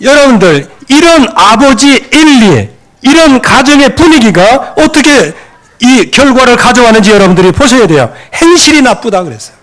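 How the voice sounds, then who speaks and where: A man preaching a sermon as pastor in a church, animated and acting out quoted scolding voices. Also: high voice. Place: church sanctuary.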